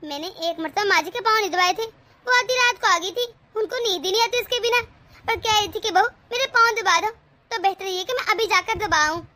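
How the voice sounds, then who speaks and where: A woman's voice: very high-pitched, a little fast, sharp tone. A woman voicing a patient, dutiful elder daughter-in-law in a cartoon, speaking politely and earnestly. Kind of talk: cartoon voice acting.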